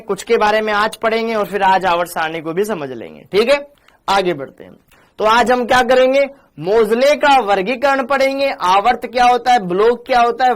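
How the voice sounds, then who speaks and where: A man teaching chemistry in a live online class, speaking, greeting students by name and putting questions to the class. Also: a little high. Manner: greets students by name, calls them beta; energetic, asks the class questions.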